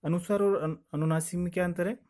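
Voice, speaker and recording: Hindi teacher asking and answering himself. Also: male voice, high voice, steady tone, quick pace, darkish tone. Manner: repeats each point, asks then answers his own questions. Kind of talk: classroom explanation with questions and answers.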